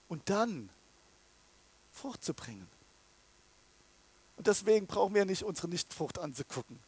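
A man preaching a sermon, animated, acting out inner voices and swinging between soft, low passages and loud outbursts. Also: breathy edge.

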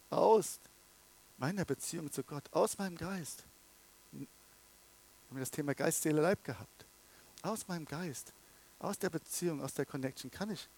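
A man preaching a sermon, animated, acting out inner voices and swinging between soft, low passages and loud outbursts. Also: slightly rough.

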